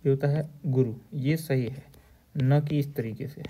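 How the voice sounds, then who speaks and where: A male teacher going through exam questions, reading each answer option aloud slowly and then stating the correct one. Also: medium pitch, fairly even intonation, mellow, breathy edge. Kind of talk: exam question walkthrough lecture.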